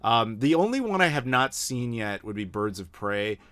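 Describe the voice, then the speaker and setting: A man's voice: medium pitch, very animated, moderate pace, a bit bright, clean tone, no echo. A man hosting a podcast in casual chat, opinionated, often restarting his sentences. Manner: opinionated, frequent stammered restarts. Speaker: podcast host.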